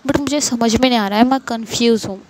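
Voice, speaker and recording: A woman's voice: fairly high pitch, fast, lightly acted. A woman voicing a shy young woman who protests in a flustered way.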